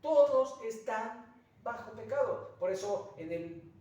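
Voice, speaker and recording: A man's voice: high voice, expressive, slow pace, mellow. A man with a Mexican accent preaching a sermon as pastor, earnest, with rhetorical asides and frequent hesitant fillers. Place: church sanctuary. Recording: very echoey church from a distance.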